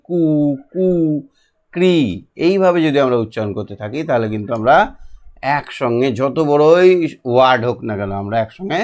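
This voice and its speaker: A middle-aged man teaching a classroom lesson, patiently repeating and drilling syllables slowly. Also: medium pitch.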